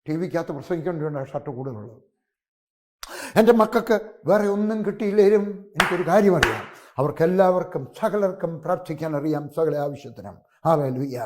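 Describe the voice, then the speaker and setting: Older pastor preaching a story-driven sermon. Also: male voice, on the high side, animated, a little fast, a little hiss or hum. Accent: Keralite Malayalam. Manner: storytelling preacher, swings between loud exclamations and hushed asides.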